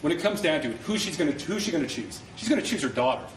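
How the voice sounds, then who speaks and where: A man's voice: fairly high pitch, big pitch swings, rapid-fire. A man speaking as a prosecutor, delivering a passionate, insistent closing argument to a jury with emphatic, pointed repetition. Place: indoor courtroom. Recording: roomy courtroom, distant mic, faint noise.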